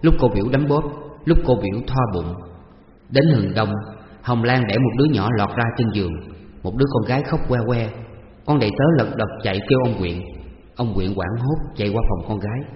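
A man narrating a story in a steady, brisk manner. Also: lowish voice. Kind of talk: storytelling reading. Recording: dull echoey recording with long reverb and faint hiss.

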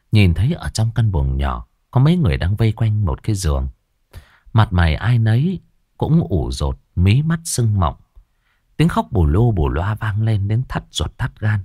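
A man's voice: lowish voice, darkish tone, slightly rough, dry recording, clean studio sound. A man narrating a ghost story in a crude, colloquial way.

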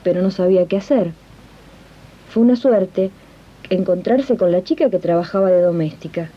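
Speaking at a moderate pace in a fairly low voice, this woman lightly acts as the narrator and host of a 1980s Argentine radio drama, a plain-spoken domestic worker and union comrade. She tells the story conversationally and warmly, heard through dull archival radio tape from the 1980s.

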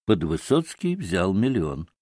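A man reading a classic novel aloud as an audiobook narrator, expressive and acting every character. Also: low-pitched, slow pace, no echo, clean studio sound. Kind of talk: classic novel read aloud with acted voices.

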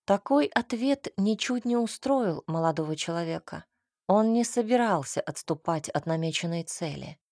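A woman reading a novel aloud in measured scripted narration. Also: lowish voice, lively intonation, darkish tone, no room sound, clean studio sound. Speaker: audiobook narrator.

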